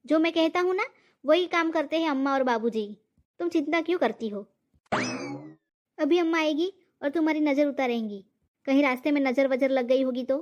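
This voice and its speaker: A woman's voice: high voice, normal speed, highs cut off, natural voice. A woman voicing a boastful, lazy young man in a cartoon comedy, talking big and coaxing. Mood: boastful reassuring.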